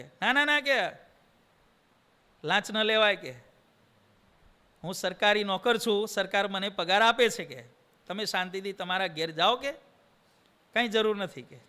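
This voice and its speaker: A man's voice: high-pitched, pushed and bright. A man with a Gujarati accent preaching a devotional sermon, telling a story and acting out its dialogue with shifting voices. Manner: acts out dialogue, shifting voices between characters. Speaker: swami preacher.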